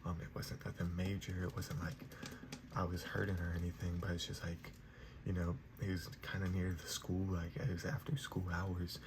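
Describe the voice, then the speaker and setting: A young man giving a whispered ASMR pep talk in a soft, reassuring manner. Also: low-pitched, completely flat delivery, normal speed. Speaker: ASMR creator giving positive affirmations. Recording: noisy, clear background hiss.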